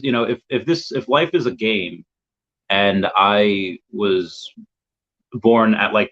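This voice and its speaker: On a dull, lo-fi recording, a young American guest chats casually in a video-call interview. His mid-range voice is a bit bright, and he rambles, repeating words as he works out his thoughts.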